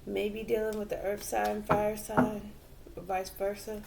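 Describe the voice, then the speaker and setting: A woman giving a tarot reading to viewers, slow and reflective, with many fillers and restarts. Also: medium pitch, level tone, vocal fry, noisy background. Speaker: tarot reader.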